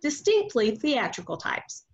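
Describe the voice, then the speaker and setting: At a measured pace, a woman with a fairly high, sing-song voice reads stage directions as scripted narration for a play reading. The online call recording sounds dull and lo-fi.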